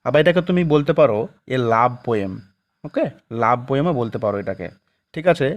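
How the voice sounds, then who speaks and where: A male teacher lecturing on a poem, speaking at a middle pitch. He moves slowly through each point. He reads English phrases out word by word and breaks into nearly every sentence with a quick check for understanding. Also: animated, dull audio. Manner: explains slowly, asks "ঠিক আছে?" after nearly every point; mixes English phrases into Bengali, reading English definitions very slowly. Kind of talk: classroom lecture.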